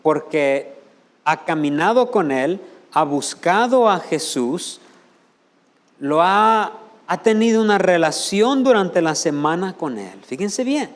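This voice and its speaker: A man's voice: high-pitched, big pitch swings, slow. A male pastor preaching a Spanish sermon, firing rhetorical questions at the congregation and mimicking people's voices. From United States. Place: church sanctuary. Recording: long hall reverb.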